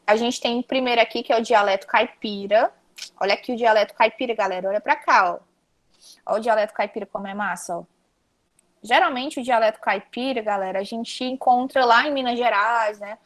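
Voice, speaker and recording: A young woman from Ceará with a Cearense Brazilian accent gives a casual online lesson on a video call. Her voice sits a little high, and she talks to her students in a lively, chatty way, calling them "galera". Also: brisk. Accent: Cearense Brazilian Portuguese. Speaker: teacher.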